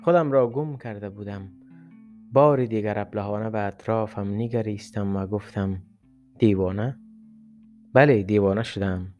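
A man reads a literary short story in a measured, reflective way. His voice is gravelly and sits at an ordinary middle pitch, with soft guitar music playing faintly behind him. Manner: measured, reflective first-person narration. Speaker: story reader.

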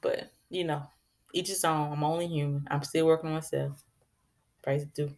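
Chatty low-voiced woman with gravelly fry. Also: steady tone, normal speed, a little mellow. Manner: chatty, preachy, uses colloquial asides. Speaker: speaker giving advice. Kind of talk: casual talk on etiquette.

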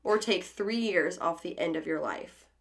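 A woman's voice: fairly low pitch, measured pace, vocal fry. A young woman co-hosting a casual podcast chat, giggly and a bit hesitant. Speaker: podcast co-host.

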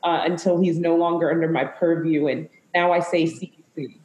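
A woman pastor with a very low voice responds on a live panel, halting often and filling pauses. Her words come out emotional and unpolished. The sound carries a noticeable room echo. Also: fairly even intonation, darkish tone. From Zambia and the US. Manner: halting, many fillers, emotional. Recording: echoey room.

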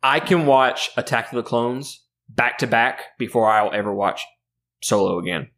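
A man's voice: mid-range voice, moderate pace, fairly bright tone. A man co-hosting a podcast in casual chat, blunt and swearing heavily. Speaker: podcast co-host.

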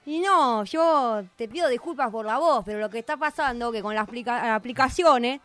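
A woman with an Argentine accent voicing a weary, broke male Cupid in a radio comedy sketch, hoarse from shouting, slangy and complaining. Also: on the high side, moderate pace, dry recording, close to an everyday voice. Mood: grumbling. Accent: Argentine Spanish. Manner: slangy, complaining, laid-back.

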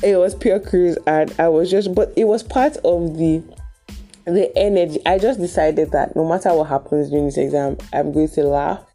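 A young woman with a Nigerian accent tells a story to her vlog viewers in a lively, expressive way. Her voice sits a little low and sounds mellow and warm. Faint music plays underneath. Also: normal speed. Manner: animated, expressive, talks straight to viewers. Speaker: vlogger.

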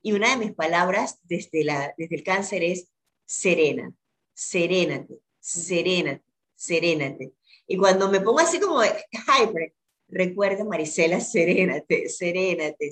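A woman's voice: medium pitch, expressive, normal speed, fairly bright tone. A woman who is a guest in an interview, telling a personal story in an earnest way and often repeating words for emphasis.

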